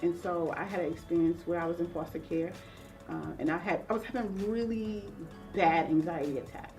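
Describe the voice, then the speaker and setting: A woman's voice: lowish voice, fairly even intonation, fairly quick, darkish tone. Woman counselor guest, earnest storyteller, slightly distant mic, faint music bed. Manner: earnest and reflective, acting out remembered voices. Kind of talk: interview storytelling.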